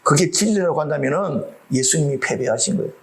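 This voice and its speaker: A middle-aged male pastor delivers a sermon in a voice that swings widely up and down. His tone sits a little high for a man. He keeps the talk light with jokes and rhetorical questions. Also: fast, vocal fry. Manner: lively, humorous preaching with rhetorical questions.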